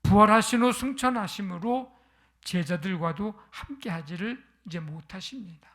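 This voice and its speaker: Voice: mid-range voice, normal speed, a bit bright. A pastor giving a Sunday sermon, retelling a scripture story and asking the congregation rhetorical questions.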